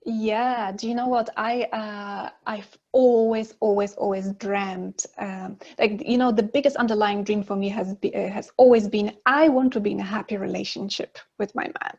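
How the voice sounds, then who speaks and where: This time her voice is mid-range, steady and darkish, moving at a moderate pace with few pauses. The Polish-born relationship expert in her forties talks openly and casually as an interview guest on a video call, laughing a lot and using plenty of fillers. The lo-fi audio comes from an earphone mic in her living room.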